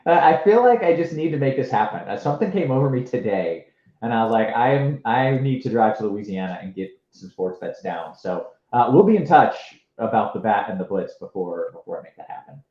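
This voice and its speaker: A man's voice: medium pitch, sing-song, brisk, dark tone. A man hosting a casual live sports stream, sounding muffled and underwater through his headset mic, laughing easily and joking around. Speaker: show host. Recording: muffled echoey headset line.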